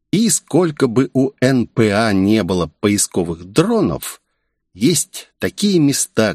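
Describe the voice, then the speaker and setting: Male narrator, audiobook reading, animated pitch, dry close sound. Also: breathy edge, no room sound. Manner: expressive storytelling. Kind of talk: scripted narration.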